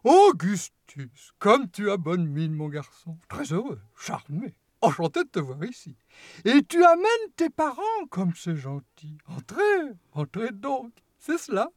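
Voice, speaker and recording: A woman voicing a small, lively, mischievous male chocolate-maker in an audiobook, with gushing, theatrical welcomes that keep swooping up and down. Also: medium pitch, unhurried, no room sound, studio quality. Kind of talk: audiobook character voice.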